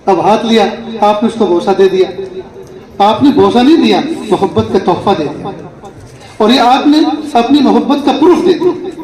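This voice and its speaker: A man's voice: high voice, expressive, darkish tone. A male Islamic preacher giving a conversational sermon, telling everyday family stories and acting out their dialogue. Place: gathering hall with a live audience. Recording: echoey hall with crowd laughter. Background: audience laughter.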